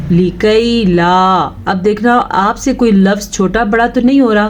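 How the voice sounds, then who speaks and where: A woman teaching Quran recitation step by step, explaining patiently and drawing out each recited word slowly. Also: mid-range voice, darkish tone. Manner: slow, patient explaining with drawn-out recited words.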